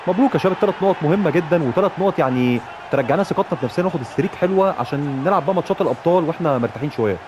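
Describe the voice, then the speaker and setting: A man with an Egyptian Arabic accent commentating his own football management game, cheering and shouting at his players. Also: on the high side, expressive, very fast, few pauses, background noise. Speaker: gaming YouTuber playing a football manager career mode. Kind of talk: live gameplay commentary.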